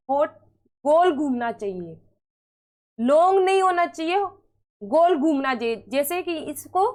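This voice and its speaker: A woman teaching English pronunciation in Hindi, patiently asking questions and answering them herself. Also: sits high. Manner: explains patiently and step by step. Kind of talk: Hindi-language English lesson.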